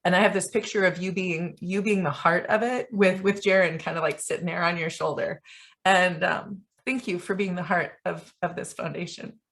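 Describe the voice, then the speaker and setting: A woman's voice: fairly low pitch, fairly even intonation, moderate pace, fairly bright tone. A woman co-hosting a podcast interview, speaking emotionally and close to tears. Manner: emotional, tearful, heartfelt. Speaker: podcast co-host. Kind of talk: conversational interview.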